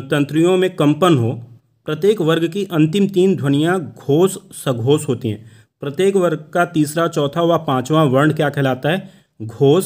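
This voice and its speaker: A man teaching Hindi phonetics for an exam, explaining step by step, asking questions and answering them himself, and sounding out each letter slowly. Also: fairly high pitch.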